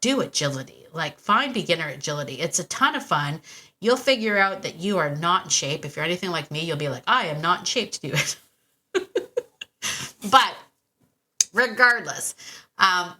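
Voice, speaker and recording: Bright-voiced chatty woman dog trainer. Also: mid-range voice. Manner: chatty, many fillers and restarts. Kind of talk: casual storytelling monologue.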